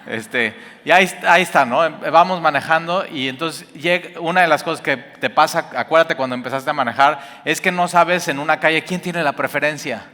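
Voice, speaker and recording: A man in his forties with a Mexican Spanish accent, preaching a sermon and telling stories with animated emphasis. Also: on the high side, normal speed, hardly any pauses. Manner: animated storytelling, shouts for emphasis. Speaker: pastor. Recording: long hall reverb.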